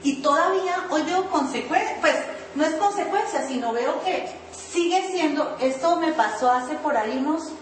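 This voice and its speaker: A woman's voice: sits high, expressive, moderate pace, a little hiss or hum. A woman pastor preaching a sermon, telling her own story and acting out her pleading in a sing-song whine. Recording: echoey room, voice from far off.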